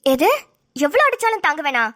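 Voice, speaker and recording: A fed-up cartoon daughter-in-law, voiced by a woman, sarcastic and full of grumbling asides. Her voice is very high, bright and sharp, and the words tumble out quickly. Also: big pitch swings. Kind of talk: cartoon voice acting.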